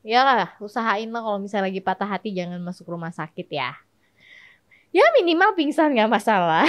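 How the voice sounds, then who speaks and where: A woman's voice: high-pitched, a bit bright. A young woman hosting a casual comedic advice talk, chatty and playful, laughing often as she tells stories. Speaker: host.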